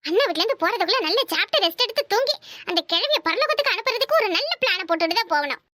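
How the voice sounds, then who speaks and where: A woman's voice: very high-pitched, very animated, sharp tone, dry recording, clean studio sound, exaggerated voice. A woman voicing a scheming, bossy young married woman in a cartoon, talking with a Kanyakumari Tamil accent. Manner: bossy, scolding, fast chatter. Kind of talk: cartoon voice acting.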